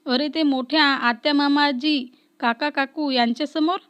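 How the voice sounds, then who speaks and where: A woman voicing a young female officer who is strict, playful and quick to scold. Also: high-pitched, fairly even intonation, a bit bright. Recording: dull lo-fi recording.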